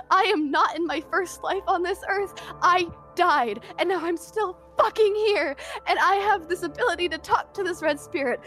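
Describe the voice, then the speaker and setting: A woman's voice: extremely high pitch, fairly bright tone. A woman playing a scared, desperate teenage girl who pleads raw and swears. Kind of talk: tabletop role-play.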